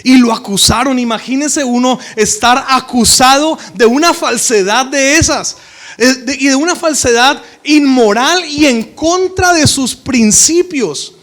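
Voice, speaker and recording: A man's voice: very high-pitched, unhurried. A man preaching a sermon, telling the story animatedly and joking with the congregation. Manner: animated storytelling, acting out characters, joking with the audience.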